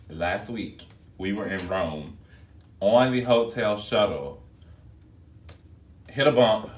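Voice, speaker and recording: A man who works as a flight attendant, chatting casually and expressively to his viewers, recorded on a phone video. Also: on the low side. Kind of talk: casual vlog chat to viewers. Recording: echoey room, phone mic held back at a distance.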